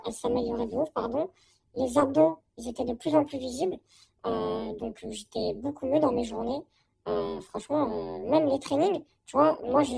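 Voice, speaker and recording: A woman's voice: high voice, gravelly. A young woman giving a casual, slangy testimonial in an informal conversation. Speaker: coaching client giving a testimonial.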